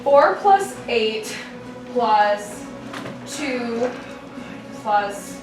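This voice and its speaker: A woman's voice: on the high side, very animated, extremely slow. A woman playing a tabletop game, chatting casually, heard from a distance in an echoey room. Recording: echoey room, distant mic, music behind.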